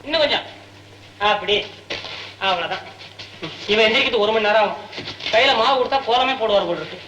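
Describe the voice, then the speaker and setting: Cheeky young comic suitor, quick teasing banter, high and fast, echoey old film sound. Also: male voice, expressive, sharp tone, a little hiss or hum.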